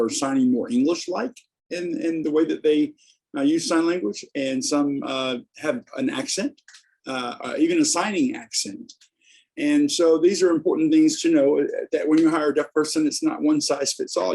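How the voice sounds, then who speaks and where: A man presenting informally in a halting way, searching for his words. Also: medium pitch, a little mellow, husky, poor audio.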